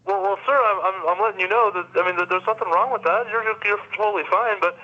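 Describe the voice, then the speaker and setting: A man selling cable over a dull, muffled phone line, speaking fast in a high, bright voice. He is polite and stumbles over his words, repeating sir throughout. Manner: polite, stammering, keeps saying sir. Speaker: cable sales rep. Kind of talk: sales phone call.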